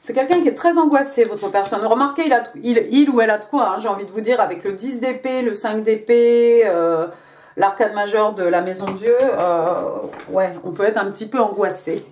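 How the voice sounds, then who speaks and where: A woman's voice: a little high, fairly quick, darkish tone. Woman, tarot reader, chatty, lots of fillers, faint background hiss and clicks. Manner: chatty, many fillers and "hein" tags, switches to English card text. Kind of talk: casual tarot reading to camera.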